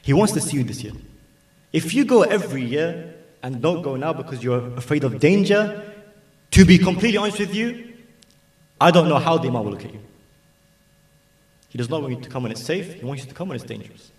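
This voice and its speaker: A man's voice: medium pitch, animated, fast, long pauses, a little mellow. A man giving an urgent, pleading religious exhortation at a mourning gathering, repeating his phrases for emphasis. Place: large gathering hall. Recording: echoey hall, mic at a distance.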